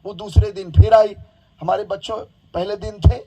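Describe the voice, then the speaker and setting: A hoarse man preaching a sermon, telling stories with animation and coaxing the crowd into call-and-response. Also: high voice, steady tone, moderate pace, mellow, lo-fi sound.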